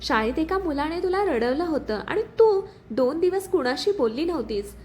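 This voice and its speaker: A woman voicing an obsessive, menacing young man who speaks softly and coldly in a storytelling reading. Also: sits high, normal speed, a little hiss or hum, voice pushed up. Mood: taunting. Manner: soft, calm, taunting delivery.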